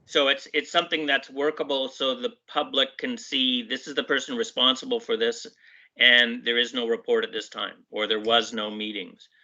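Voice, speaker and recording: A man speaks up at a council meeting with a very bright, forward tone, pausing often on fillers and restarting his sentences. The audio is dull and lo-fi, as from a meeting room recording. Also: medium pitch, flat delivery. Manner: hesitant, many fillers and restarts.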